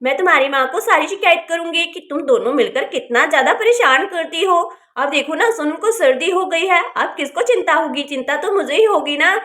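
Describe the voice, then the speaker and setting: A woman's voice: very high voice, lively intonation, brisk, hardly any pauses, bright, forceful tone, heavily acted. A woman voicing a fussy, worried village housewife who scolds yet cares for everyone. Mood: grumbling. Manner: fussy, complaining.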